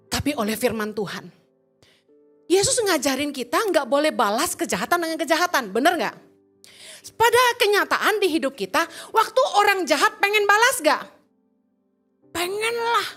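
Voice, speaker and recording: A woman pastor preaching a sermon in a lively, joking way, quizzing the congregation and slipping in English phrases. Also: sits high. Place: church.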